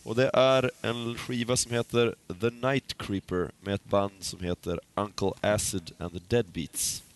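A man's voice: fairly low pitch, little pitch movement. A man co-hosting a casual podcast chat, talking hesitantly with many fillers and restarts. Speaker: podcast co-host.

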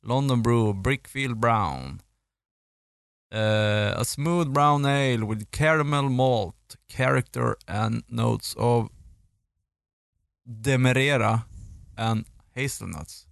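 A man's voice: mid-range voice, gravelly, no room sound, studio quality. A man chatting casually as a podcast co-host, joking and laughing at his own quips. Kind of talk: casual chat.

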